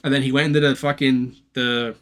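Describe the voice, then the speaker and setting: Male podcast co-host, mid pitch, casual and profane, rambling through a plot recap. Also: little pitch movement, brisk, fairly bright tone. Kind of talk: casual chat.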